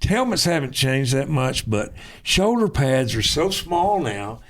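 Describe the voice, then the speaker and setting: A man's voice: medium pitch, very animated, unhurried. A man in his seventies with a mid-range voice tells old football stories in casual chat. He jokes at his own expense and laughs often as he talks. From Lubbock, Texas. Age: 70s. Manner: self-deprecating, laughs often while telling stories. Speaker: guest, former pro football player.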